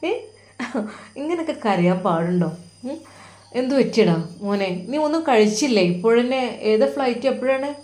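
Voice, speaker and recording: A woman's voice: on the high side, expressive, moderate pace, pauses often, natural voice. Woman doing a fussing, kindly brother-in-law. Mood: fond, worried. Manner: soft, coaxing questions, calls him dear son.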